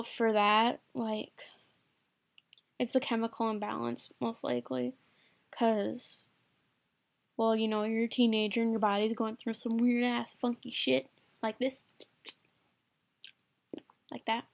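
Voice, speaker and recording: A woman's voice: a little high, level tone, a little slow, gravelly, pauses often. A woman giving loose, rambling advice to camera late at night, packed with "like" and casual swearing. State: sleepy, yawning late at night.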